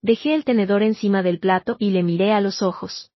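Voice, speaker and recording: A woman tells a first-person story in a measured, even voice of middle pitch. The recording is dry with no room sound and slightly dull, muffled in the highs. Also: no room sound. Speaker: narrator.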